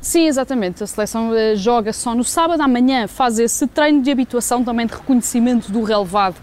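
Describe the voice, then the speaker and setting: A woman with a European Portuguese accent giving a semi-spontaneous live report as a sports correspondent, often pausing mid-phrase. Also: on the high side, a little mellow. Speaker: sports journalist, special correspondent.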